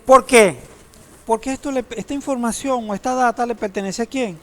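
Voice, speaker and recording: A man's voice: very high voice, moderate pace, a little hiss or hum. A man teaching a database class, lecturing in a classroom, asking students questions and joking now and then. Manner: asks the class questions, uses humor.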